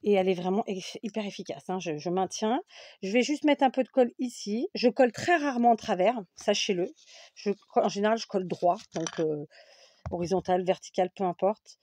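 A woman's voice: mid-range voice, fairly quick, mellow, no room sound. A woman hosting a casual scrapbooking tutorial, chatty and full of fillers, correcting herself as she works at a craft table.

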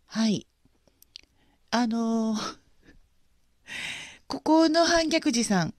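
A woman hosting a casual livestream, speaking gently and politely with frequent pauses and fillers. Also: fairly high pitch, animated, dry recording, clean studio sound. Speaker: livestream host.

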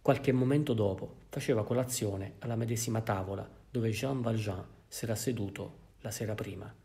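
Measured Italian male audiobook narrator. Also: fairly low pitch, creaky, mellow. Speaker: audiobook reader.

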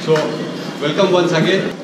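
An older man with an Indian accent gives a formal, halting welcome speech as an event organizer, recorded from a distance in a gallery. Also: a little high, fairly even intonation. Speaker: exhibition organizer giving welcome address. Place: large crowded indoor art gallery. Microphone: distant camera microphone. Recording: echoey noisy gallery, far from microphone.

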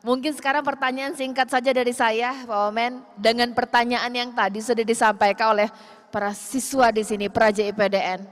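A woman's voice: on the high side, flat delivery, brisk. Upbeat woman moderator in a big hall. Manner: polished, upbeat. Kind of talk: formal event moderating. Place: large hall stage. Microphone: handheld mic. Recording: long hall reverb.

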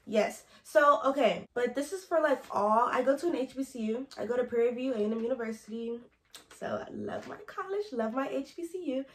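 A young college woman talking casually to her camera, rambling and easily sidetracked as she gives advice. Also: on the high side. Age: young adult. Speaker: vlogger. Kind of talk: casual chatty advice vlog.

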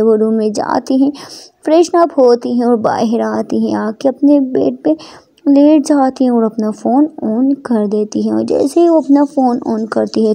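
A woman's voice: high voice, vocal fry, warm tone. A woman narrating a romance story in a chatty, casual way, often repeating phrases.

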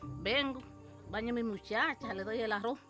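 An older woman, animatedly telling an interviewer her story as a mother and acting out the shouts and quotes in it. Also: on the high side, normal speed, music in the background.

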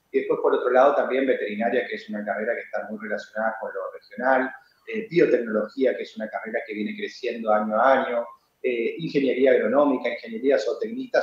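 Rector on a roomy video call. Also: male voice, on the low side, dull audio. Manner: measured, explanatory, frequent hesitation fillers. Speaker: university rector. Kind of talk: TV interview over video call. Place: office with flags and bookshelf.

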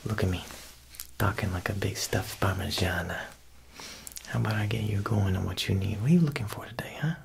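Low and gravelly, a young adult's voice comes through briskly with a little hiss or hum. He's an ASMR performer whispering the part of a tailor styled as a jokey, slightly threatening Italian mob boss, tossing in wiseguy lines and lots of "huh" tags.

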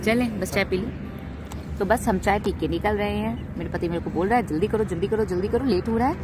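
A woman's voice: mid-range voice, fairly quick, background noise. A woman in her thirties chatting playfully to her phone camera on a family road trip, mixing English words into her talk. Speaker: family vlogger. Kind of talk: casual travel vlog chat. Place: outdoors at a roadside restaurant garden, then in a car. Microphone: phone held at arm's length.

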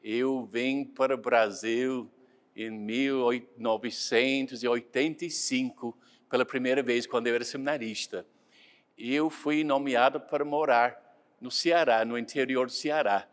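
Irish-born missionary priest, second-language Portuguese speaker, calm anecdotal interview answers. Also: male voice, medium pitch, measured pace. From Ireland.

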